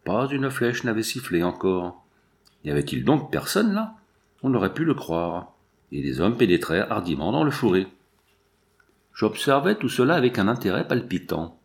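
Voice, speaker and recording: A man narrating an audiobook in an expressive, dramatic reading style. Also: lowish voice, moderate pace. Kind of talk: scripted narration.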